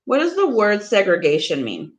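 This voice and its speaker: In a medium-pitched voice that swoops wildly in pitch, a woman teacher reads a picture book to her students, breaking it into short, deliberate pieces and adding teaching asides.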